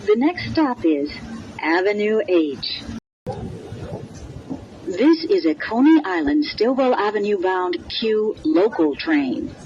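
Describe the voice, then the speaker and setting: A woman announcer speaks over a train intercom in neat, scripted segments. Her pitch swings noticeably within each unhurried phrase. The sound is somewhat dull, as train PA speech is. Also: big pitch swings, a little mellow. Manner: clearly enunciated, formulaic phrasing in separate segments. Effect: played over a train intercom. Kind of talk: scripted automated transit announcement. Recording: dull train PA with background noise.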